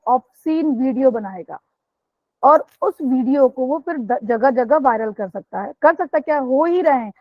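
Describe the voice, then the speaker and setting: A woman's voice: high voice, dry recording, dull audio. A woman police sub-inspector giving a guest talk in a webinar, earnest and explanatory, speaking straight to her listeners. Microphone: video call microphone.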